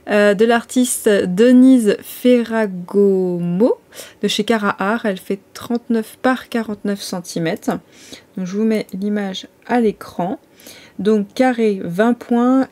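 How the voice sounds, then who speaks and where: Mellow-voiced woman vlogging casually. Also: medium pitch. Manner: chatty, hesitant, many fillers and restarts. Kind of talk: casual vlog chat.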